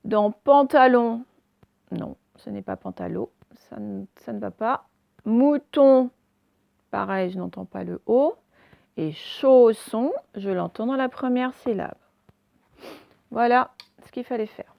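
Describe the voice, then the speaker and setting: A woman teacher giving a recorded phonics lesson for young children, sounding out each word clearly and stressing the target sounds. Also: mid-range voice, steady tone, normal speed, no room sound, highs cut off.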